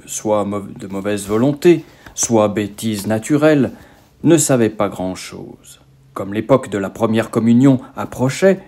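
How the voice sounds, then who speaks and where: A man reading a religious book aloud as scripted narration, in a measured, expressive way. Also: on the low side. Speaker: audiobook reader.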